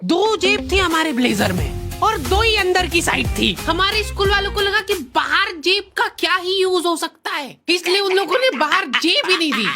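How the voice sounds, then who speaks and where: With faint music in the background, a man narrates a comic cartoon story in the first person, exaggerating everything, his voice sounding artificially pitched up.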